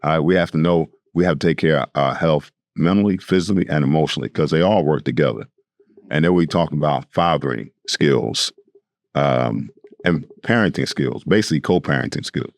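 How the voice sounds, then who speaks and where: A man's voice: rumbling low, a little fast, gravelly, dry recording, clean studio sound. A middle-aged man, a retired police officer who runs a fatherhood program, talking plainly in a casual panel chat and repeating his points for emphasis. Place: podcast studio.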